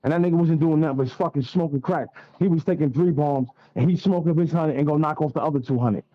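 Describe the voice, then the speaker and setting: A man's voice: on the high side, quick pace, lo-fi sound. A man, telling a blunt, profane story as a guest on a radio interview. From Staten Island, New York.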